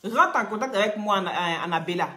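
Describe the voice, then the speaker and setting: A woman's voice: medium pitch, expressive, quick pace, sharp tone, echoey room. A woman from Cameroon with a Cameroonian French accent, talking on a live stream in a mocking, scolding way and repeating her points. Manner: mocking, scolding, repeats herself, breaks into laughs. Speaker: social media live streamer.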